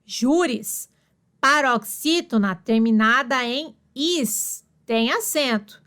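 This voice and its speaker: Slow high-pitched woman reading notes. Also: lively intonation, a bit bright, clear, resonant tone. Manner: slow, list-like dictation of rules and examples. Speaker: exam prep narrator. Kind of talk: reading study notes aloud.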